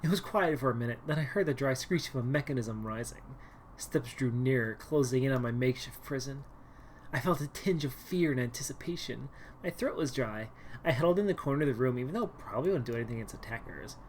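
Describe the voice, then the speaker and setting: A woman streamer reads a dating game aloud in the first person, adding sarcastic, wry asides between lines of the story. Her voice is low, but her pitch swings widely as she jumps into exaggerated outbursts. The delivery is playful and theatrical. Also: lively intonation, quick pace, darkish tone, slight background noise. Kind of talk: dramatic game read-through.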